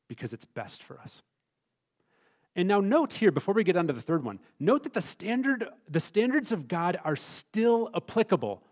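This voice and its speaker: A man preaching a sermon as pastor, emphatic, swinging between loud stressed phrases and hushed, quiet asides. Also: fairly high pitch.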